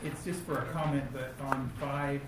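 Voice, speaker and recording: Male board chair, brisk and procedural, distant mic, echoey meeting room with noise behind. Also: medium pitch, fairly even intonation. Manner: brisk, procedural, with occasional fillers.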